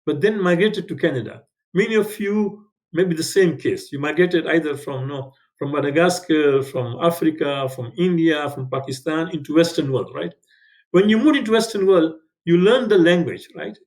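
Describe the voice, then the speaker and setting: A slightly high, slightly mellow voice at normal speed belongs to a Tanzanian-born instructor lecturing online from home in Canada. English isn't his first language; he keeps things conversational, checking in with "right?" and fixing his own wording as he goes.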